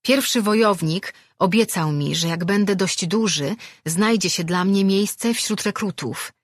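Defiant young boy, curt answers, husky low-ish tone, read by a woman. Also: measured pace, no room sound, clean studio sound, natural voice. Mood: determined. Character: merchant's son, stubborn proud young boy.

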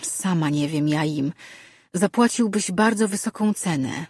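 A woman's voice: on the low side, unhurried, breathy edge, no room sound. Elder woman dreamweaver, composed with suppressed dread, read by a woman, dry close sound. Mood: concerned. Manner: steady, with held-back fear.

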